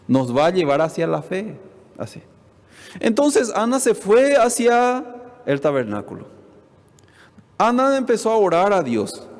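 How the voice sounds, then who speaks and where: A man's voice: medium pitch, darkish tone. A man, preaching a sermon as pastor, often asking the congregation questions and acting out what the people in the story say. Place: church hall. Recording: long reverb of a church hall.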